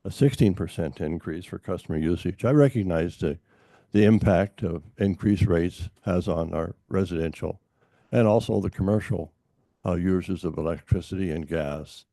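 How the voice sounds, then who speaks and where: An older man from Montana giving public testimony at a utility hearing, halting and full of fillers and restarts. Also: low voice, mellow, no room sound, clean studio sound.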